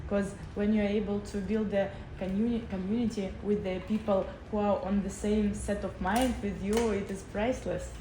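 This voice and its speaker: A woman's voice: medium pitch, steady tone, normal speed, hardly any pauses. Encouraging woman interviewer in an echoey room. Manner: encouraging, frequent murmured agreement. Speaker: interviewer and travel vlogger. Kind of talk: casual interview conversation. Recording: echoey room with background noise.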